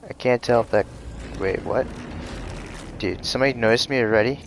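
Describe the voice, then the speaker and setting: A man's voice: medium pitch, fairly quick, a little hiss or hum. A man casually commenting while livestreaming a video game, muttering frustrated reactions as he plays. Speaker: streamer playing a video game. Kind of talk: casual live gameplay commentary.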